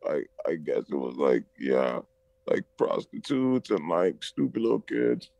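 A man's voice: rumbling low, very animated, a little slow, creaky, dark tone, no echo. A man co-hosting a podcast over a phone call, chatting casually and rambling with lots of "like" and "bro", his voice sometimes going robotic on the line. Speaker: podcast co-host. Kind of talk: casual chat.

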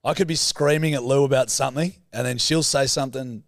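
Sweary Australian bloke, dry close sound. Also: male voice, medium pitch, steady tone, a little fast, gravelly, no room sound. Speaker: podcast co-host. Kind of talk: casual banter.

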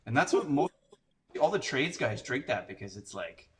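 A man in his forties from Canada talks in a loose, rambling way, stacking up fillers and starting sentences over. His pitch sits in the middle range for a man. It sounds like a relaxed conversation among friends. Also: moderate pace, slight background noise. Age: 40s. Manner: rambling, filler-heavy storytelling. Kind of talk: casual chat.

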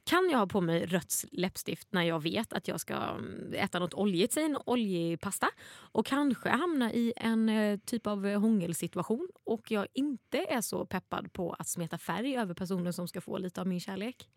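A woman's voice: medium pitch, animated, dry recording, clean studio sound. A middle-aged woman from Småland, co-hosting a podcast in a casual, informal and wordy chatting style. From Småland, Sweden. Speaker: podcast co-host.

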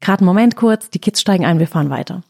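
A woman's voice: lowish voice, animated, very fast, creaky, warm tone, breathy edge. A woman telling a story in casual chat, quoting her own words as she goes.

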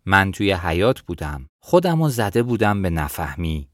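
A man reading a novel aloud in the first person, in a steady storytelling manner. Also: deep voice, dry recording, clean studio sound. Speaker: audiobook narrator.

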